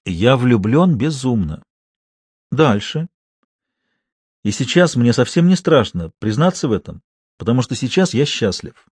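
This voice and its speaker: A man reading an audiobook, voicing a shy, lovestruck young detective in an earnest, quiet tone. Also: medium pitch, big pitch swings, measured pace, long pauses, breathy edge, dry recording, studio quality.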